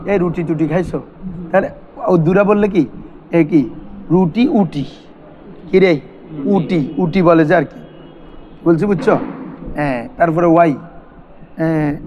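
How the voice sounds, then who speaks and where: Man, high voice, classroom teacher, quizzing students. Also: muffled recording. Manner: questioning students, repeating terms for them to answer. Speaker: madrasa teacher. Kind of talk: classroom grammar lesson.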